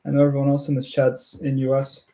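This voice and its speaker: Livestream host, man from Ukraine; mellow, dark tone, easygoing chatter with frequent laughs. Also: medium pitch, monotone, quick pace, slight background noise. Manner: friendly, chatty, laughs often while building. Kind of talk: casual chat with live viewers.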